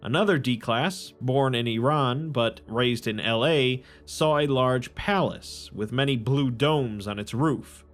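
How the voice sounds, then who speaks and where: Guy narrating a story, steady descriptive delivery, quiet music underneath. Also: medium pitch, slow, hardly any pauses. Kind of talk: scripted narration. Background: faint music.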